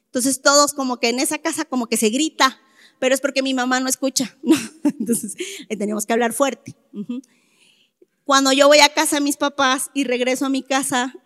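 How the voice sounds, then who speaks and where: A woman gives a talk to a live audience, her voice set high and her delivery slow and deliberate. She leans hard on key words and keeps turning to her listeners with rhetorical questions. A long echo from a hall follows every line. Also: a bit bright. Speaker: speaker addressing a church or group audience. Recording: echoey hall.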